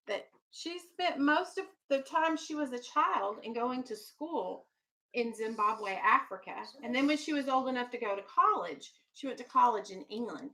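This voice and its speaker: This is an elementary school teacher reading to young children, caught on a low-quality recording. Her slightly high voice sounds pushed and bright as she gives simple instructions, asks questions to test understanding and firmly holds the kids to the task.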